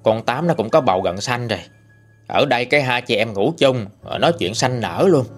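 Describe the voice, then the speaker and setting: A man voicing a calm older village father who talks in a slow, easygoing way. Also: mid-range voice, soft background music, lightly acted.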